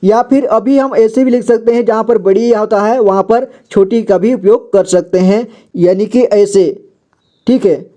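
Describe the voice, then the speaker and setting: A patient male teacher walks through a lesson, sounding out each word slowly and repeating it. His voice sits fairly high, yet its tone stays dark and mellow. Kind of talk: spoken lesson.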